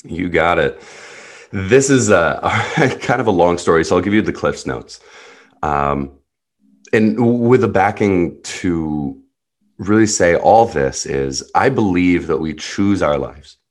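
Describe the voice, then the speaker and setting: A native Hebrew speaker who grew up in the US, this man appears as a podcast guest and personal guide, candidly telling his life story. His low voice has lively intonation and a slow pace, and his manner is earnest, reflective, and blunt.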